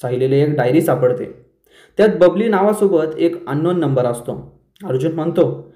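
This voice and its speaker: A man hosting a serial review, retelling the episode scene by scene in a brisk storytelling manner. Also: a little high, dark tone. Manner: brisk storyteller who briefly lifts his voice for quoted lines. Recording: roomy echo.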